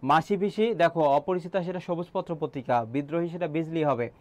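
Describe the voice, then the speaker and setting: A man's voice: a little high, brisk, a little mellow, no echo. A young man teaching an online exam-prep class, quizzing students and repeating key answers, with frequent filler sounds.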